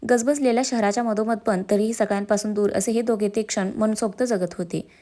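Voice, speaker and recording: A woman reading a romantic story aloud as a channel storyteller, in an even, smooth manner. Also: medium pitch, a little fast. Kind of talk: scripted story narration.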